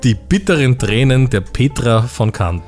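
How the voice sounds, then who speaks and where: A man's voice: mid-range voice, lively intonation, a little slow, a little mellow, soft background music. A man co-hosting a radio comedy show, playing the dry, teasing straight man. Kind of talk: absurd comedic banter.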